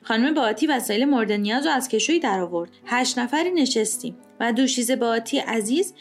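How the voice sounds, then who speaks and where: Woman audiobook narrator, measured literary reading, faint music bed. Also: on the high side, lively intonation. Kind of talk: scripted narration of a short story.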